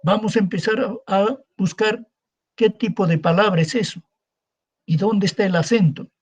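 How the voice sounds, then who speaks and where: In this poorly recorded online class, a male secondary school teacher talks at normal speed in a high-pitched, slightly rough voice. He repeats himself often and supplies the answers to the rhetorical questions he raises.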